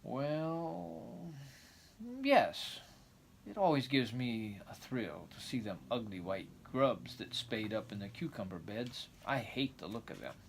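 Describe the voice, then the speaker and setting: A shy old country farmer, played by a man, speaks in a hesitant, folksy drawl. He is a plain, slow-spoken storybook character who takes his time. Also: medium pitch, expressive, vocal fry, a little hiss or hum. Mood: slow pondering.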